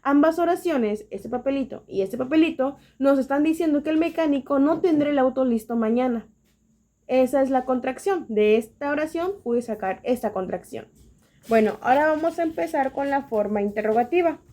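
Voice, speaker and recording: A young woman with a high voice explains English grammar step by step. She pauses on fillers and slows down to read her examples aloud. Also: expressive, warm tone. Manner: hesitant, many fillers and restarts, slows down to read example sentences.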